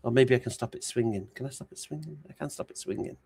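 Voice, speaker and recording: A man with a gravelly, mid-range voice talks fast while hosting a casual live stream, reading out viewer questions and answering them bluntly. Steady background noise runs under the recording.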